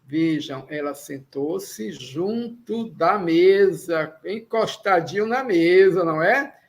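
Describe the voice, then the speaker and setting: A man with a Brazilian accent teaches a language lesson in a slow, deliberate way. His voice sits fairly high for a man. He goes back over his example sentences patiently. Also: lively intonation. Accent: Brazilian Portuguese. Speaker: Esperanto teacher. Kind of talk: slow classroom explanation.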